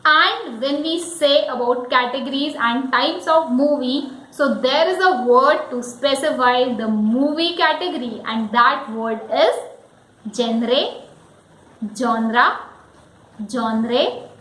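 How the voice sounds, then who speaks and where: High-pitched woman, patient pronunciation teacher, roomy echo. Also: fairly bright tone. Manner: slow, careful, spells out letters. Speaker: English teacher. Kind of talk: pronunciation lesson.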